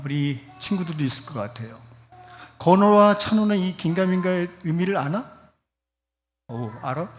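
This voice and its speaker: A man's voice: fairly high pitch, a little hiss or hum. A middle-aged male pastor preaching a Sunday sermon at a church service. He talks in a chatty way and puts questions to the congregation. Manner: leads the congregation in reading scripture aloud.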